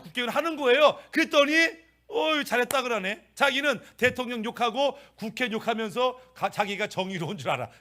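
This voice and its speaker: Animated, bright-voiced preaching man. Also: extremely high pitch. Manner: emphatic preaching with rhetorical questions. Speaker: pastor. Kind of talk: sermon.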